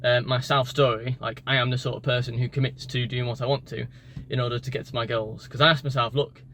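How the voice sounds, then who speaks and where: Tired after a gym session, a man who speaks English natively chats loosely in a vlog on learning languages, restarting sentences and padding with fillers. He talks quickly in a medium pitch that barely moves, with a sharp tone, while cars and street sounds carry on in the background.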